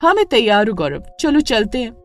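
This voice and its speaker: A woman doing a shrill, haughty young wife. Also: very animated, fairly quick, soft background music. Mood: dismissive. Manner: haughty, ordering others about. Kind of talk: storybook voice acting.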